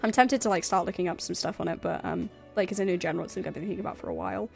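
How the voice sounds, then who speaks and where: A woman's voice: on the low side, very fast, gravelly, faint music behind. A woman co-hosting a worldbuilding stream, chatting casually, giggling and thinking aloud with many restarts. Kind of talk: casual brainstorming chat.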